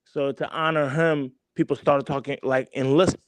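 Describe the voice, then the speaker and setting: A man's voice: medium pitch, fairly even intonation, moderate pace, no room sound. A man co-hosting a podcast, rambling in casual chat, swearing and repeating himself. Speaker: podcast co-host.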